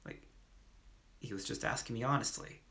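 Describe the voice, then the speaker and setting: A man's voice: mid-range voice, moderate pace, vocal fry, pushed and bright. A man playing Jesse Pinkman, slangy and hesitant. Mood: earnest. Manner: hesitant, slangy, full of fillers and restarts. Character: young male ex-drug dealer, slacker gone remorseful. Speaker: actor. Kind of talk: dramatic monologue performance.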